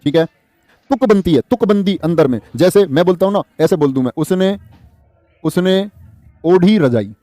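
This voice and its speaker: A man's voice: high voice, mellow, no room sound. A man teaches grammar in a live online class, quizzing his students and reading out their comments. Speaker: Hindi exam-prep teacher.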